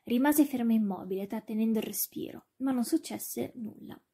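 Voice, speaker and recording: A woman narrating a children's ghost story with measured, expressive pacing. Her voice sits fairly high for a woman but sounds mellow and soft, with a breathy, husky edge.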